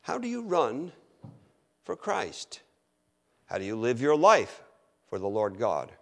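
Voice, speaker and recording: A middle-aged man preaching a sermon, acting out his listeners' objections in an animated way. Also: mid-range voice, takes it slowly, gravelly.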